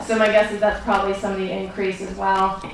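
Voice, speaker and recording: A woman council member asking a resident brisk, matter-of-fact questions in a council chamber. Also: mid-range voice, completely flat delivery, gravelly, crowd noise. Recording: roomy, distant mic with background noise.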